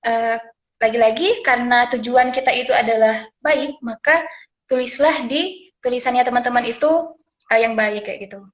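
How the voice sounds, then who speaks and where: Young woman from Aceh, fairly high voice, halting delivery, on a video call. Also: dull audio. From Aceh, Indonesia. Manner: hesitant, many fillers and restarts. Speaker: guest speaker, scholarship awardee. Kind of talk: live-stream sharing session.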